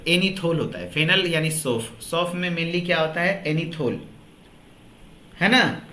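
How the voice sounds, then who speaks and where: Male online tutor with a tinge, high and bright voice, tired after a long day, quizzes the class by repeating answers, echoey room. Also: animated, measured pace, a little hiss or hum. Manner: conversational teaching, repeats answers as questions to the class. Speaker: pharmacy teacher. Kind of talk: online exam-prep lecture.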